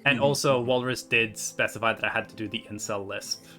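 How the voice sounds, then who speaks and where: A man's voice: fairly low pitch, steady tone, brisk, bright, forceful tone, soft background music. A man narrating and running a tabletop game as game master. He explains things casually, with swearing and laughing asides.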